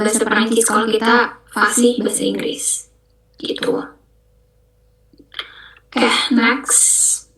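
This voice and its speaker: A young woman teaching a beginner online language class, explaining slowly and patiently and repeating each word carefully. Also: fairly high pitch, reverberant, low-quality recording. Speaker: French language mentor.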